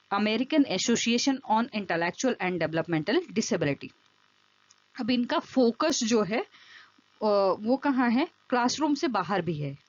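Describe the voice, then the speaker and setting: A fairly high-voiced woman, recorded with no room sound, delivers an online exam-prep lecture on special education using slides. Her approach is step by step, with repeated key terms and constant checks that the listener is following. The audio sounds dull, dry and lo-fi.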